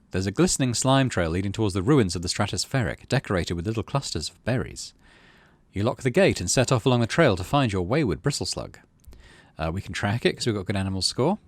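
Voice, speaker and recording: A man with a mid-range voice hosts a gaming let's play, chatting and thinking aloud between stretches where he reads out narration. Game music plays in the background, with no room sound.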